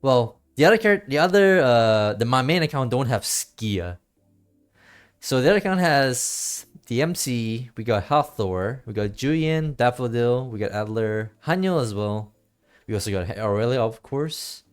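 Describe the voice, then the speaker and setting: With game music playing underneath, a man streams and comments casually, thinking aloud in halting, rambling bursts and repeating himself. His mid-range voice is expressive and clean.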